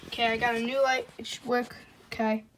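A young woman chatting casually off camera while filming her ant colony, excitable and sometimes dropping to a whisper. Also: on the high side, brisk, noisy background. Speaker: ant-keeping vlogger. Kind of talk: casual off-camera vlog narration.

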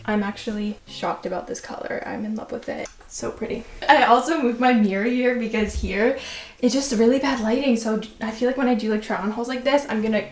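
A young adult woman vlogging casually, bubbly and gushing, filling her talk with "like" and "literally". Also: a little high. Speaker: lifestyle vlogger. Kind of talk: casual vlog chat.

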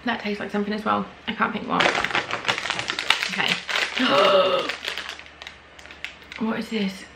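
A young English woman chatting excitedly as she tries snacks on her vlog at home, gasping at what she finds. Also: medium pitch, slow pace, gravelly, heavy background noise. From England. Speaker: vlogger. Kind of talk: casual snack-tasting vlog.

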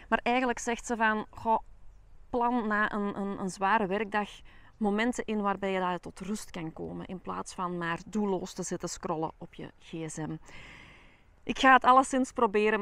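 Clear-voiced Flemish woman, informal book talk. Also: mid-range voice, no echo. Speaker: book reviewer. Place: outdoors in a leafy garden.

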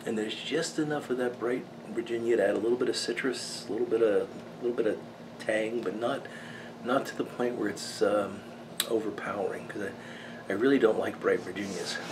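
An American man in his fifties giving a casual, rambling video review in a halting, unhurried way, recorded in a small workshop. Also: fairly low pitch, fairly even intonation. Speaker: pipe tobacco reviewer. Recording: clearly noisy room background.

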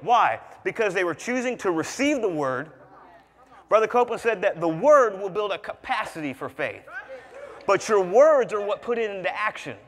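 A young man preaching a sermon to a congregation in an animated way, rising to shouts for emphasis. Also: high-pitched, moderate pace. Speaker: student preacher. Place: large church sanctuary. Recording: reverberant church hall.

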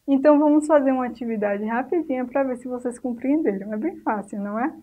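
A fairly high-voiced woman teaches a recorded lesson for young pupils. She speaks patiently, slowing down to draw out each example word, then checking in with the class. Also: narrow, tinny audio. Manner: patient, stretches out example words slowly. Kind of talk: recorded online class for children.

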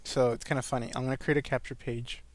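A man with a mid-pitched, slightly wheezy voice presents an online tutorial in a casual way. He breathes a little hard and talks through each click informally as he goes. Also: flat delivery, fast. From California, where he lives. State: breathing a little hard after an asthma attack.

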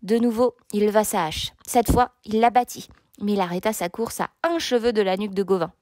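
A woman narrating a storybook chapter in a steady, expressive reading. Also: mid-range voice, a little fast, dry recording, clean studio sound. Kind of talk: audiobook narration.

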